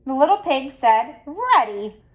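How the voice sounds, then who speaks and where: A woman reading a children's picture book aloud, expressive and stopping to ask her listeners questions. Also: a little high, moderate pace. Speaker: storyteller.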